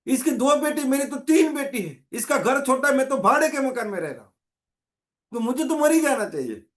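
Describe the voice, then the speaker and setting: Shrill lamenting watchman guy drowning in debt, a man doing the voice, way up high. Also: very animated, moderate pace. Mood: despairing. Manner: high-pitched, raised, lamenting. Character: desperate male watchman, deep in debt.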